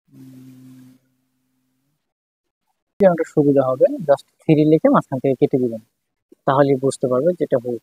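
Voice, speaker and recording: Guy teaching kana, says each sound over and over, kinda husky, monotone, thin phone-ish audio. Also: medium pitch, no room sound. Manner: patient, repeats each syllable several times. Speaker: Japanese language teacher. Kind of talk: step-by-step writing lesson. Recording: dry, phone-like tinny sound.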